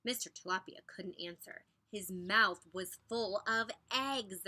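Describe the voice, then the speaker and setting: A woman reading a children's picture book aloud in an expressive, emphatic way, drawing out some words. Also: medium pitch. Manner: animated, emphatic, with drawn-out words. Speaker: storybook reader.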